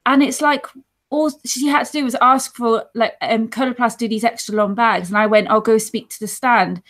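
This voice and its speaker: Speaking through an earphone headset from a dim room at home, a woman guests on a support show over a casual video call. Her voice is a little high and fairly bright, steady at a moderate pace, as she earnestly rambles through stories and restarts often.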